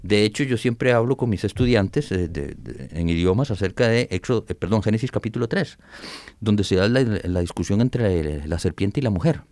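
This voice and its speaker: A man, explaining and reading Bible verses in an animated, conversational way. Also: lowish voice, moderate pace, no room sound. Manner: animated explainer, reads scripture aloud, laughs often. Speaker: Bible teacher guest.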